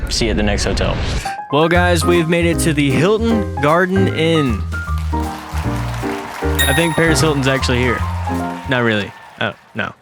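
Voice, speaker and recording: A man's voice: fairly high pitch, big pitch swings, a little slow, pauses often, over loud music. A man hosting a casual hotel review vlog, talking in an upbeat, jokey way. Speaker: vlogger and host.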